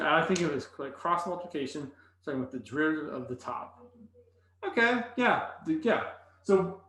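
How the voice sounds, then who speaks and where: A man's voice: a little high, a bit bright. A man teaching calculus in a lecture, thinking aloud as he writes on the board. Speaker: math instructor. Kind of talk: recorded classroom lecture. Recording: echoey room, voice from a distance.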